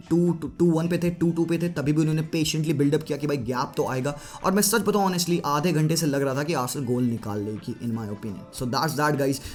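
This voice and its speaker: A man giving a casual, lively tactical breakdown of a football match, chatting to viewers and mixing in English phrases. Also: on the high side. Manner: lively Hinglish commentary, mixing Hindi and English; chatty, addresses viewers as bhai. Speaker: football analyst.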